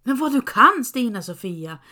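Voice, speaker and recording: A woman's voice: fairly high pitch, big pitch swings, bright, forceful tone, voice pushed up. A woman voicing an anxious, flustered peasant mother who talks in a fretful, pleading way.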